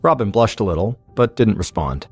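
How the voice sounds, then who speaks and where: A man hosting a podcast, telling a true-crime story in measured, suspenseful scripted narration. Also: fairly low pitch, animated, faint music behind. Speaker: podcast host.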